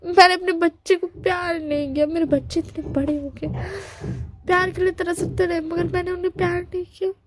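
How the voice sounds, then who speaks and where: A woman's voice: very high voice, steady tone, brisk, noisy background, pitched above the performer's own voice. A woman playing a weeping, remorseful mother. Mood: tearful. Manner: pleading, tearful. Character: remorseful mother sobbing out apologies.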